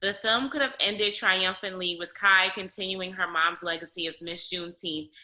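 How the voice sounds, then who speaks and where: A woman's voice: on the low side, fairly even intonation, normal speed, sharp tone, rough recording. A woman hosting a film club talk, chatting with her guest and reading out audience questions. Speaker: film club host, interviewer. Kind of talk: casual interview hosting.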